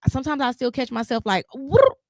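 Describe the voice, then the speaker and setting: Animated woman on a podcast. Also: mid-range voice, a little fast, dry recording. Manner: animated, acts out quoted voices. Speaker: podcast guest. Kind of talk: casual podcast conversation.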